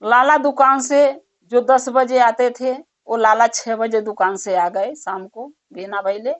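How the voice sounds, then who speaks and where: A woman storyteller tells a religious folk tale in plain, colloquial speech, circling back over each step. Her voice sits fairly high. The recording is dull and lo-fi. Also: dry recording. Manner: colloquial, repetitive folk narration.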